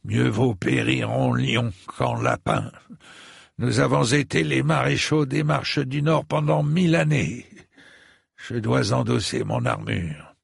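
A man reading a story and voicing a proud, indignant old knight with high, shrill outbursts. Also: lively intonation, takes it slowly, vocal fry, slightly rough, no echo, clean studio sound, exaggerated voice. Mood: bitter.

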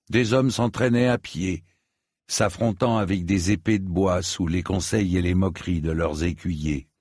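Slow, husky male audiobook narrator. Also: sits low, a little mellow, no echo, studio quality. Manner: measured, storytelling. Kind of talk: scripted narration.

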